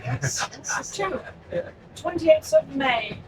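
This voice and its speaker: An older Danish woman with Danish as her first language, a fellow passenger answering a vlogger's camera in high, giggly, playful short replies. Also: huge pitch swings, slow. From Denmark. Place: outdoors on a day trip. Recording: busy crowd noise around.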